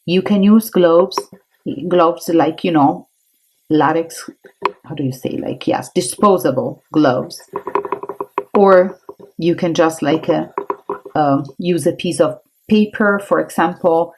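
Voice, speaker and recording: An Italian-accented woman teaching an art tutorial, chatty and encouraging as she works. Her voice sits low and has a husky, breathy edge. She thinks aloud between strokes. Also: takes it slowly, darkish tone, poor audio. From Italy.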